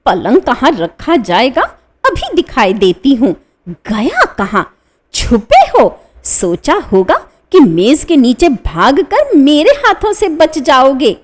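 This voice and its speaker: Radio play: furious quarrelsome wife, a woman voicing her, high, shouting. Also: wildly swooping pitch, slow pace, exaggerated voice. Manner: shouting demands. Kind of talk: one-reader radio play.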